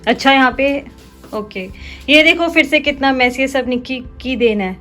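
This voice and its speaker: A woman's voice: high-pitched, normal speed, pushed and bright, faint music behind. A young woman chatting casually in a home vlog, teasing her sister and talking to viewers. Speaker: vlogger.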